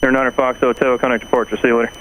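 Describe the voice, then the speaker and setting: A man in the control tower issues rapid, clipped instructions on aviation radio, the audio noisy with air traffic. He speaks very fast in a flat, mid-range voice that's a little bright.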